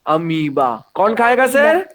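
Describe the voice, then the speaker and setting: Speaking slowly in a fairly high voice, a man teaches science online with plenty of energy. He constantly throws questions at the class, while a faint hiss or hum runs under the audio.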